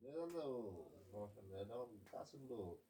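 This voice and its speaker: A man's voice: lowish voice, fairly quick, mellow. A man, chatting loosely and casually about his bird. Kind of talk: casual chat.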